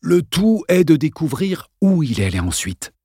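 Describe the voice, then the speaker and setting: Un policier calme et conciliant, interprété par un homme dans un livre audio, dont la voix posée cherche à désamorcer les conflits. L'intonation est très mobile et le timbre est légèrement voilé. La prise de son est sèche. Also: male voice, fairly high pitch, moderate pace, breathy edge, no room sound, studio quality, pitched above the performer's own voice, heavily acted. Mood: apaisant. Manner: apaisant, conciliant. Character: policier d'âge mûr, conciliant et posé.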